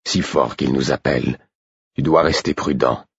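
Low, husky mentor scolding gently, as a male reader puts him on; dull recording. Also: fairly even intonation, normal speed, no room sound, full character voice. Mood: reproachful. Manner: low, quiet reproach. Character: stern older male mentor, quietly amused. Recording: slightly muffled recording.

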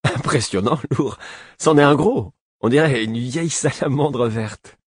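A man's voice: deep voice, moderate pace, husky, no echo, studio quality. A man voicing an earnest fifteen-year-old prince in an audiobook, speaking with youthful energy. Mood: amused. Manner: eager, then suddenly grave. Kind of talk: audiobook character voice.

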